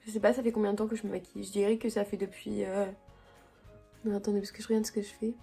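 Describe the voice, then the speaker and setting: A woman's voice: mid-range voice, flat delivery, fast talker, creaky, mellow, faint music behind. A young woman casually chatting through her makeup routine at home, rambling and slangy with lots of fillers and restarts. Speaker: beauty vlogger. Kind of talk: casual makeup vlog chat. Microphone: camera mic.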